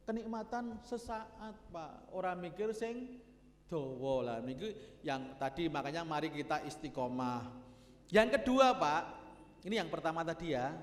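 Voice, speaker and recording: A man with a Javanese accent delivers a Sunday morning sermon, chatting and joking with the congregation in a folksy way. His voice sits high and his pace is unhurried. The mosque hall around him is roomy, with a long reverb trailing after each phrase. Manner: folksy, joking with the congregation, mixing in local speech. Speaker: preacher.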